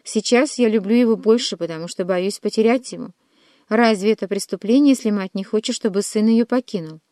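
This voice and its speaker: A calculating queen mother from a storybook lays out her threats slowly and evenly, as a woman narrator reads her. The voice sits at an ordinary middle pitch. The recording is dry and close. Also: warm tone, no echo, close to an everyday voice. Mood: cold menace. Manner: measured and threatening. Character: cold, scheming older queen mother.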